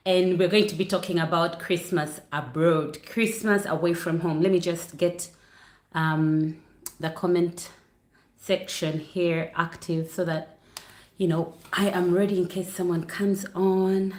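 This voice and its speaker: Beside a Christmas tree in her living room, a vlogger from Uganda chats casually with her live audience over a computer livestream setup. Her fairly low, slightly mellow voice has fairly even intonation and a somewhat slow pace, echoing in the room. She's chatty and apologetic, sidetracked by the lighting.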